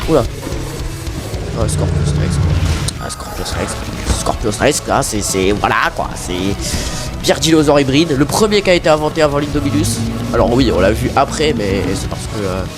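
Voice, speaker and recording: Excitable man commentating a game. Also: medium pitch, moderate pace, loud music behind the voice. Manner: excitable, shouts and pleads at the game, swears casually. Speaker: YouTuber commentating his own gameplay. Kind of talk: casual gameplay commentary.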